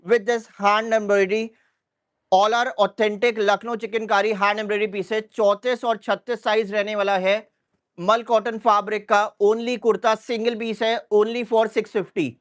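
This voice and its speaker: Brief: high-pitched male seller on a live sale stream, repetitive price-and-size patter. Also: steady tone. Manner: repeats sizes and prices in a brisk listing rhythm.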